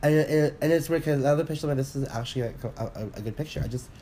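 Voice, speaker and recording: A man's voice: fairly high pitch, very fast, dark tone, a little hiss or hum. Rambling man chatting, heavy on "like". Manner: rambling, filler-heavy, lots of "like" and restarts; laughs often, candid and profane. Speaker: podcast co-host. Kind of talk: casual chat.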